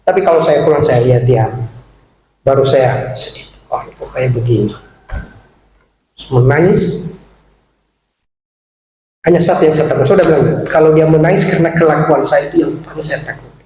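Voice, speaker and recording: A man preaching a sermon to his congregation in a chatty, animated way, addressing them directly and laughing along with them. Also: fairly high pitch, fast talker. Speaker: pastor. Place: large echoey church hall. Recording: echoey church hall, faint hiss.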